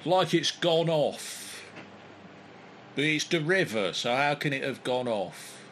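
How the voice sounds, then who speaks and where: A man playing a simple, slow-talking two-headed cave creature. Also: a little high, animated, fairly bright tone, slight background noise, voice pushed up. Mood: puzzled.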